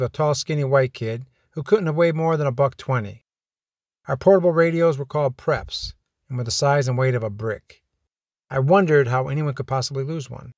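A male podcast host tells his own story of police work in a wry, dryly humorous way. His voice sits in a middle pitch. It is recorded close to the mic with no room sound. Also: dry recording. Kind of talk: first-person storytelling podcast.

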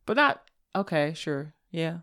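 A woman's voice: low voice, very animated, unhurried, sharp tone. A woman co-hosting a podcast in easygoing, casual chat. She is chatty and joking, and she laughs often. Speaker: podcast co-host.

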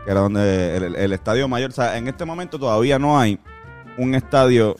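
A man with a Puerto Rican Spanish accent explaining things casually, in a halting, informal, slangy way. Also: mid-range voice, a little mellow, faint music behind. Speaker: podcast host telling local history. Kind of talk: casual explanatory talk from notes.

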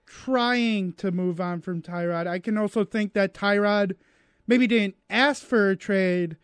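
A man's voice: high voice, a little slow, clean tone, no room sound. A man co-hosting a radio sports talk show, chatting casually and restarting his sentences often. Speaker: radio co-host. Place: radio studio.

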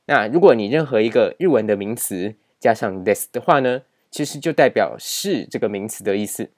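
A man's voice: fairly low pitch, lively intonation, a little fast, a little mellow. A man teaching a grammar lesson over slides, explaining patiently and repeating key points with many filler particles. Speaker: language teacher.

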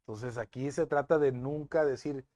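A man, a TV news presenter being interviewed, telling stories in a lively way with many restarts. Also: medium pitch, moderate pace, no room sound. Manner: animated storytelling with frequent restarts. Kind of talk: casual interview chat.

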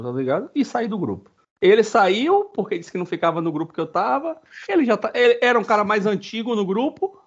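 Animated slangy man, husky dull audio. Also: high-pitched. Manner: slangy, swears freely, animated storytelling. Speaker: podcast co-host, football fan. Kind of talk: casual chat.

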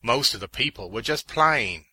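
A man voicing a measured, formal male knight. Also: medium pitch, expressive, sharp tone, a little hiss or hum. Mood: solemn.

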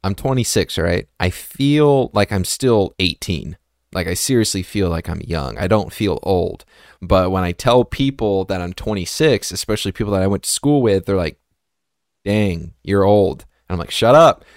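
A young man in his twenties hosts a relaxed podcast interview. His voice sits a little low, and he chats loosely, with lots of fillers. The sound is close and dry. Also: dry recording. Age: 20s. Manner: chatty, filler-heavy, quick to laugh. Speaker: podcast host. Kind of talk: casual interview chat.

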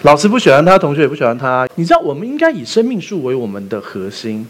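A man preaching a sermon as pastor, animated and quizzing the congregation with rhetorical questions. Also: on the high side, fast talker.

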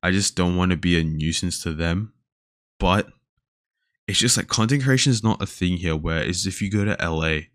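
A young Australian man hosts a casual solo podcast indoors, talking alone to a camera and rambling with lots of fillers, trailing off mid-thought. His voice is low-pitched at normal speed, and the recording is dry with clean studio sound.

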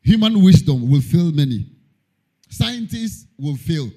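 A man's voice: a little high, very animated, measured pace, warm tone. A man preaching a sermon in church, emphatic, repeating key lines and singing out phrases. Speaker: pastor.

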